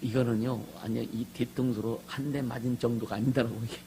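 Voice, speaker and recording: A man, a pastor, preaching a lively conference sermon. He calls out to the congregation for amens and swings from soft asides to loud shouts. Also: medium pitch, fairly quick, slight background noise, rough recording.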